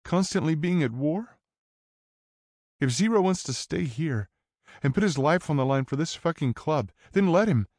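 A fierce, desperate young woman pleads in a raised, urgent voice that swings widely, as a man puts her on for an audiobook. Her tone pushes hard and snaps back quickly. The recording is close and dry, with no room sound. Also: on the high side, expressive, darkish tone, dry recording, voice pushed up. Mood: urgent pleading. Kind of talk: audiobook character voice.

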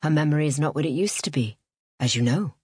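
A woman's voice: darkish tone, slightly rough, dry recording, studio quality. A woman doing a stern, disapproving father. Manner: low, firm and measured. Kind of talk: audiobook narration.

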